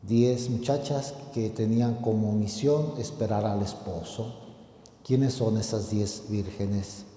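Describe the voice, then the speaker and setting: Solemn priest in cathedral echo. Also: male voice, on the low side, dark tone. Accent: Latin American Spanish. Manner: solemn, measured. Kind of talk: liturgical gospel proclamation and homily. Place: large reverberant church. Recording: cathedral echo, long church reverb.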